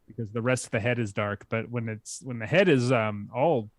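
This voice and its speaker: A man's voice: mid-range voice, moderate pace. A middle-aged man co-hosts a casual live stream about birds. He works through his explanations step by step, thinking aloud. The sound is dry, with no room echo. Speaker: co-host answering bird questions.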